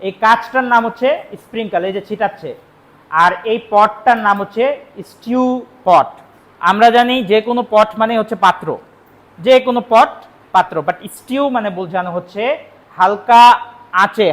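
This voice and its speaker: High-voiced man teaching a lesson. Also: fairly bright tone. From Bangladesh. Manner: explains patiently, repeats words, asks and answers his own questions. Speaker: spoken English teacher. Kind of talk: classroom lesson explaining vocabulary.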